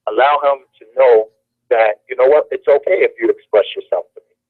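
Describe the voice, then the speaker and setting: A man's voice: mid-range voice, a little fast, no echo. An earnest man giving advice on a radio show, telling a personal story and repeating phrases for emphasis, heard over a telephone. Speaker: guest on a call-in radio show. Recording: tinny phone-line sound, dry.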